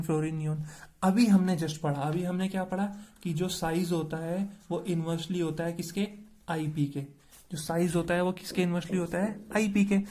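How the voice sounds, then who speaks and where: A man's voice: on the high side, darkish tone. A man teaching a chemistry lesson, asking questions and answering them himself.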